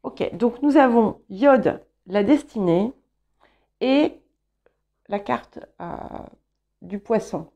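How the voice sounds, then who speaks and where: A woman whose first language is English gives a tarot guidance reading in a calm, gently encouraging way. Her voice is mellow and a little gravelly, and she takes her time. The recording sounds dull and lo-fi. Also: on the high side, extremely slow, pauses often. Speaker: tarot reader.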